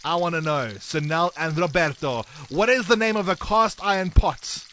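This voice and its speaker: A South African breakfast radio host runs a game segment in an upbeat, chirpy, teasing manner with rapid patter. His voice is fairly high, bright and forceful, and a little hiss or hum can be heard.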